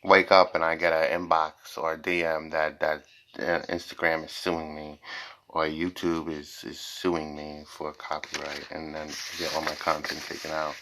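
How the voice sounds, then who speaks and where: There's slight background noise behind this very deep, monotone male voice, which moves at normal speed with a sharp edge. He's a tarot and psychic reader giving viewers an off-the-cuff reading, emphatic and blunt, looping back on phrases and swearing sometimes.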